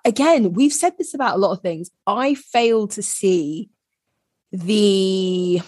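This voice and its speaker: A woman co-hosting a podcast, chatting casually with drawn-out, opinionated emphasis and a slight frog in her throat. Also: medium pitch, a little mellow, no room sound, clean studio sound. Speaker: podcast co-host. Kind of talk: casual chat.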